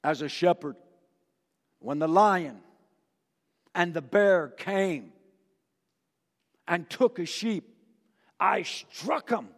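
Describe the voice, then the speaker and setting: A man voicing a brave young shepherd boy who speaks forcefully about his faith, in a church hall with a long reverb. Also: high voice, lively intonation, drawn-out words, pauses often, heavily acted. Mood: bold.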